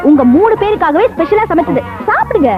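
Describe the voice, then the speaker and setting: A woman playing a young daughter-in-law who coaxes her in-laws to eat, in a high, sing-song voice. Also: animated, a little fast. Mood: coaxing. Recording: dull lo-fi film soundtrack with loud music.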